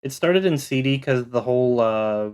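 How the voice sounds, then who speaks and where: A man's voice: medium pitch, animated, moderate pace, darkish tone, smooth. A man streaming a video game, chatting casually with dry, laid-back replies. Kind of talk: casual chat while gaming.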